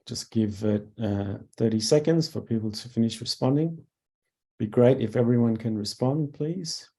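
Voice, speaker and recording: Presenting a webinar as a product manager, a man is croaky from a cough, halting, filling gaps, and clearing his throat. His voice is medium-pitched with a dark tone.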